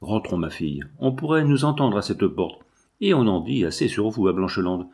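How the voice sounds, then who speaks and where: A man's voice: on the low side, very animated, normal speed, a little mellow. A man reading as a motherly old peasant spinner. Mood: hushed. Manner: anxious, nearly maternal.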